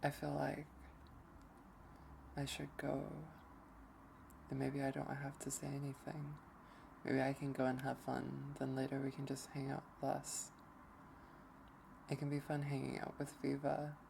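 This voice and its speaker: Brief: let's play streamer reading a visual novel aloud, gravelly and slow, mid pitch, game music underneath. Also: monotone, background noise. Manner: slow, hesitant first-person reading.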